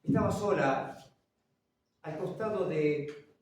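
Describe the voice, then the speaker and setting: A man preaching a sermon, swinging between loud, urgent lines and hushed ones and putting questions to the congregation. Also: high-pitched, slow. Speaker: pastor. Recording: very echoey church, from far off.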